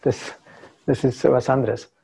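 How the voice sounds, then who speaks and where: A man's voice: mid-range voice, steady tone, takes it slowly, gravelly, mellow, slightly rough. A man from India, a spiritual teacher giving a talk to followers in broken German with English phrases mixed in. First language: not German.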